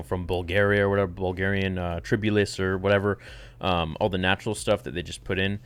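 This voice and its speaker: Very deep-voiced man chatting. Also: a bit bright. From Canada. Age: 20s. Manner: casual, laid-back, reads viewer questions aloud then answers. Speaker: fitness channel host. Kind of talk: live-stream Q&A chat.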